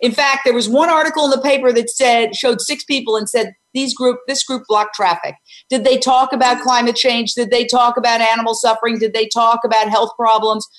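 A woman in her sixties hosts an interview at a brisk pace, her slightly high voice holding a steady tone. She is an ex-news reporter and animal rights activist, and she speaks energetically and emphatically in an advocacy style. She frequently answers the questions she poses.

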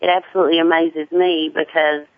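A woman with a deep Southern US accent, talking casually as a guest in an interview. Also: level tone, brisk, no room sound. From Tennessee. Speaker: guest, sickle cell awareness advocate. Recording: muffled narrow phone-like line.

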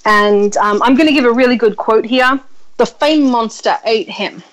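A woman in her thirties hosting a casual chat, blunt and chatty, swearing freely and filling pauses with ums. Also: a little high, rough recording. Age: 30s. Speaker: podcast host.

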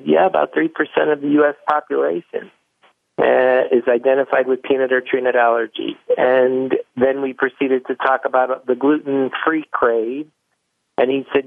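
A man tells his story in a folksy, conversational way and acts out the voices of the people in it. His pitch is middling. The sound is a dry, tinny phone line. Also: gravelly, dry recording. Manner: folksy storyteller, acts out both sides of dialogue. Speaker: chocolate company founder, guest.

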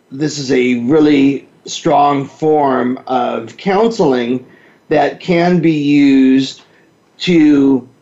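Man, talk-show host, measured explainer, echoey room, dull lo-fi sound. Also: mid-range voice, a little mellow. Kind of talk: talk radio monologue.

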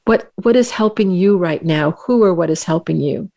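A woman's voice: fairly low pitch, creaky, warm tone. A woman hosting a talk show, speaking earnestly with frequent restarts and fillers. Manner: earnest, halting, with many restarts. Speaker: radio show host.

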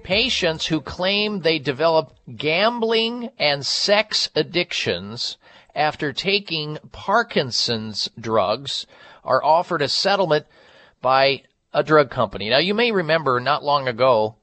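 A man's voice: on the high side, lively intonation, slow, pushed and bright. An American man hosting a radio talk show, addressing his listeners in a monologue. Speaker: radio health show host.

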